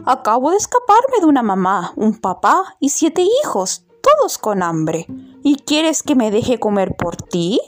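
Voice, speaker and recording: A feisty runaway pancake, voiced by a woman reading a storybook, yelps her refusals high and bright. Her voice leaps around as she rattles off everyone who has tried to eat her. A little music plays faintly behind. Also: big pitch swings, unhurried. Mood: indignant. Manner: high-pitched exclamations, insistent listing.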